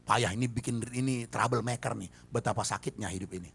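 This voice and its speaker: A man's voice: medium pitch, a little fast, vocal fry, fairly bright tone, husky. A man preaching a sermon, emphatic and firing rhetorical questions at the congregation. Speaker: pastor. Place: church service.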